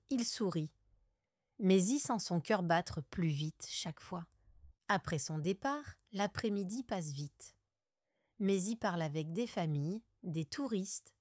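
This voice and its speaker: Slow, clear woman narrator. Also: fairly low pitch, no echo, studio quality. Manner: calm, clear, deliberate. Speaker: audiobook narrator. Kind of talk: slow scripted narration for French learners.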